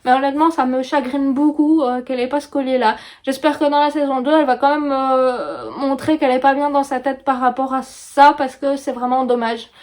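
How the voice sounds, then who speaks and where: A woman in her thirties with a Belgian French accent, chatting casually about books in a vlog, with many pauses and fillers. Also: high-pitched, a little mellow. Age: 30s. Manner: chatty, hesitant with frequent fillers. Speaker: book vlogger. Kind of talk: casual book review vlog. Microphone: phone.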